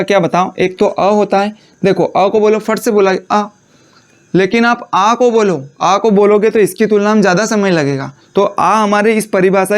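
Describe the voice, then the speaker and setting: A man with a notably high-pitched voice gives a classroom-style lecture. He keeps posing questions and answering them himself, and he dictates definitions phrase by phrase, repeating each piece slowly so students can copy it into their notes. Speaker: Hindi teacher.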